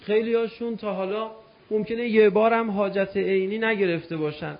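A man's voice: high-pitched, steady tone, dull audio. A man telling a religious story as a sermon, impassioned and calling out directly to his listeners. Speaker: religious preacher.

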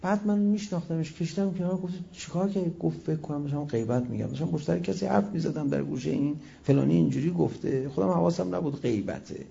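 Gravelly man preaching a fervent sermon. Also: a little high, few pauses, lo-fi sound. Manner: emphatic, shifts between loud exclamations and quiet asides. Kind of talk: religious sermon with storytelling.

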